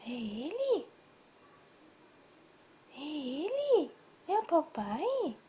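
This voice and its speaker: A woman's voice: high-pitched, huge pitch swings, extremely slow, mellow, slight background noise. A woman talking baby talk to her pet at home, coaxing and drawing out her words in a sing-song way. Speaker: pet owner. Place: indoors at home, by a door. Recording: dull lo-fi home video.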